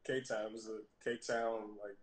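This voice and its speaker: A man being interviewed as a guest, answering in a laid-back, halting way with dry humor. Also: on the low side, level tone, noisy background. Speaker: guest actor. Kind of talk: casual interview.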